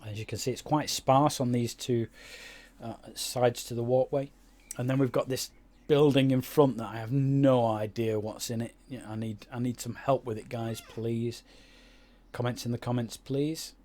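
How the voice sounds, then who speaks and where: A man's voice: medium pitch, steady tone, normal speed, a little mellow. A man giving casual, rambling commentary over his own gameplay, with many fillers and restarts. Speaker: game YouTuber.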